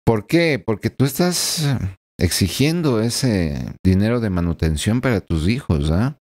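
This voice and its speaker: A tarot reader with a low, mellow voice delivers a weekly horoscope reading in a sing-song, measured way. He speaks earnestly, addressing the listener directly and often using tag questions, from a desk microphone in a small home room with blinds and plants.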